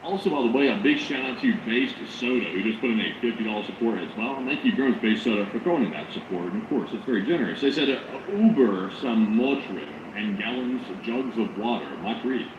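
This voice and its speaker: A man's voice: medium pitch, animated, fast talker, few pauses. A man with a big radio-announcer, sportscaster-like voice, hosting a live news stream and talking nonstop as he thanks supporters. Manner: talks nonstop, avoiding dead air. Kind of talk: livestream reading and thanking supporter messages. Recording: roomy, dull lo-fi, clear background noise.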